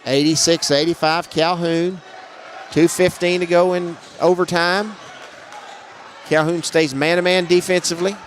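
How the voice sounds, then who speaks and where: A man's voice: a little high, fairly even intonation, a little hiss or hum. Man calling a basketball game. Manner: brisk, matter-of-fact calls, raising his voice on big plays. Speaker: play-by-play announcer. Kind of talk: live basketball commentary.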